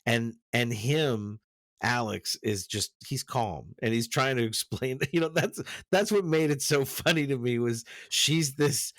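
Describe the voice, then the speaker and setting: A man's voice: medium pitch, unhurried, fairly bright tone, dry recording, studio quality. A man chatting casually about a film on a podcast, rambling and restarting his sentences, often laughing as he tells a story. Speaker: podcast co-host. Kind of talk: casual movie chat.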